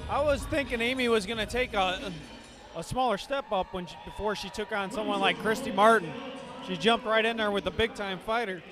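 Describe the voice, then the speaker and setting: A man's voice: high-pitched, fairly quick, over music. A man giving casual live boxing commentary from ringside in a sports hall. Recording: live camera audio with clear crowd noise.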